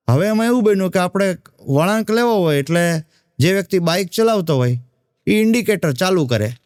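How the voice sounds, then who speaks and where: A man's voice: high-pitched, a little mellow, no room sound, studio quality. A man telling stand-up jokes in a chatty way, with asides to the audience. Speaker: comedian.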